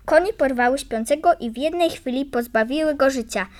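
High-voiced woman reading a tale. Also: fairly quick. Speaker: audiobook reader. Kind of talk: storytelling narration.

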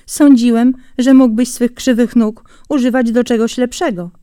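A woman's voice: mid-range voice, lively intonation, normal speed, a little mellow, dry recording, studio quality, natural voice. A woman reading a storybook, voicing a proud male hare with a mocking, haughty manner. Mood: scornful.

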